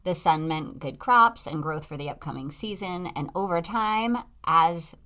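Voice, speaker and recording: A woman's voice: on the low side, unhurried, sharp tone. A woman with a Boston accent co-hosting a podcast, chatting casually, laughing often and stumbling over words. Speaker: podcast co-host. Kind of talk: casual chat.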